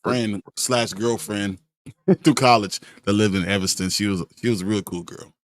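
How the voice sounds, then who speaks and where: A man's voice: fairly low pitch, normal speed, no echo, clean studio sound. A young man co-hosting a live pop-culture show, easygoing and enthusiastic. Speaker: co-host of live nerd news show. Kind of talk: casual chat.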